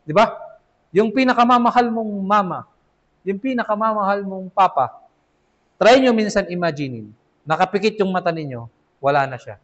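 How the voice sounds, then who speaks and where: A man's voice: sits high, lively intonation, moderate pace, pauses often. A man giving a casual Islamic lesson in a mosque, talking conversationally and often checking in with his listeners. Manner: conversational, asks "di ba?" often, acts out children's replies. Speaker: imam teaching a weekly class. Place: mosque classroom. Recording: dull lo-fi recording.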